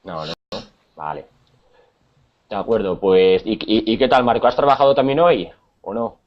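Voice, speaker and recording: A man's voice: on the low side, normal speed, muffled recording. A man from Spain with a Spanish accent, teaching an online Spanish class and explaining things patiently with many hesitations.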